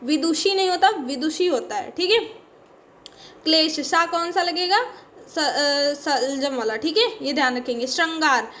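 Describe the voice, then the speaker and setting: Woman teacher going through spelling for an exam, patient, keeps checking in, high voice. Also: a little slow, a bit bright, a little hiss or hum. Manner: explains patiently, says "ठीक है" constantly. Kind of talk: spelling lesson for exam prep.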